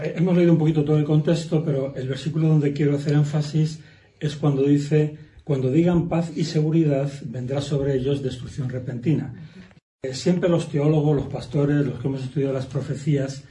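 A man's voice: a little high, steady tone, normal speed, dark tone. A male pastor preaching in a sermon, explaining points emphatically and repeating phrases for stress. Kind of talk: sermon teaching. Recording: roomy echo, from far off the mic.

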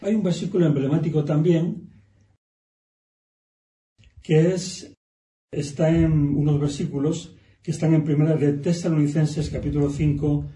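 A male pastor preaches in a measured, emphatic teaching style, often repeating phrases to drive a point home. His voice is very dark and mellow, sitting a little high for a man. It reaches the mic from some distance in a roomy, echoing space. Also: fairly even intonation. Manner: explanatory, emphatic, repeats for stress. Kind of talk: sermon teaching. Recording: roomy echo, from far off the mic.

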